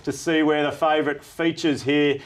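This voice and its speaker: Australian racing host with betting tipster patter. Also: male voice, a little high, little pitch movement, moderate pace. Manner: betting tipster reeling off odds and form.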